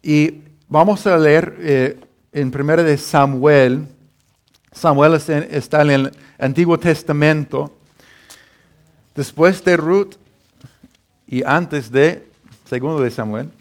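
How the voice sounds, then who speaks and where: A man's voice: on the high side, slow pace, pauses often. A middle-aged man preaching a sermon as pastor, telling a family story with many restarts and chuckles.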